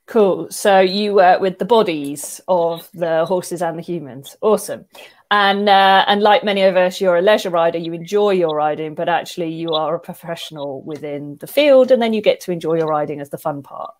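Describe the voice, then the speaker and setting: A woman's voice: on the low side, moderate pace. A British woman hosting a chatty interview, upbeat and welcoming, affirming what her guest says. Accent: British English. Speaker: podcast host.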